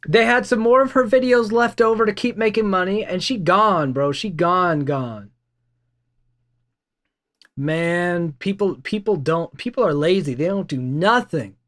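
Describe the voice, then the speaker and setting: A man's voice: high voice, moderate pace, hardly any pauses, a bit bright. A man hosting a reaction video, talking in blunt, slangy, exasperated asides. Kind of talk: casual reaction commentary.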